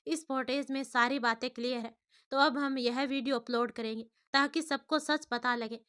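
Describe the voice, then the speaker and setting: A cheeky young woman full of bubbly teasing, high-voiced and bright, as a woman storyteller puts her on. Her tone is crisp and clear. It suits a spoken storybook. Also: fairly even intonation, moderate pace. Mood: lively.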